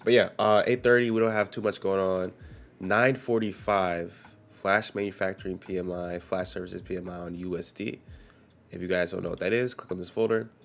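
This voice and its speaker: The man's voice is low-pitched and gravelly, with a steady tone and moderate pace. He's a young forex trader streaming live and shaking off a cold, so he coughs at times. Loosely and conversationally, he covers the day's economic news and reads headlines out.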